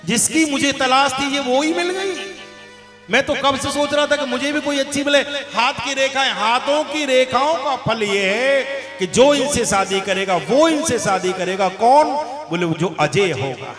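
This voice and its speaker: A man's voice: very high voice, expressive, moderate pace, hardly any pauses, music in the background. A man telling a devotional story as a religious storyteller, singing verses and joking as he acts out the characters. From India. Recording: echoey room with instruments behind.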